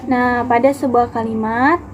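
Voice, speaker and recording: A woman's voice: fairly high pitch, fairly even intonation, unhurried, a little hiss or hum. A young woman student giving a class presentation, explaining steadily and speaking to her classmates with small fillers.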